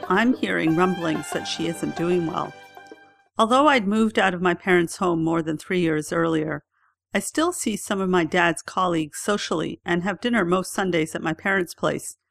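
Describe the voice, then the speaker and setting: A woman's voice: fairly low pitch, gravelly, fairly bright tone, no room sound. A woman, the author, reading her own memoir aloud in a plain first-person narration.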